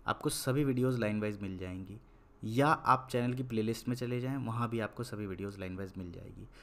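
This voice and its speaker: A young man teaching Hindi in an online lesson. He is patient, explains slowly, repeats words, and turns blunt when he lectures. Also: medium pitch.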